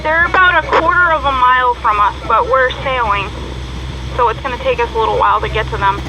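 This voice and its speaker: A woman with a high voice comes through a marine radio with clear static behind her. She gives short, practical reports in radio style and signs off each one. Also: a little fast, bright, forceful tone, rough recording. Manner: plain radio reports ending in "over". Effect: heard over marine VHF radio. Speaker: sailor answering the coast guard.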